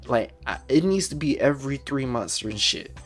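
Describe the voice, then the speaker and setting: A man's voice: mid-range voice, expressive, normal speed, a bit bright, faint music behind. A man in his twenties hosting a solo podcast, talking bluntly in slangy, profane, repetitive casual speech. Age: 20s. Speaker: podcast host.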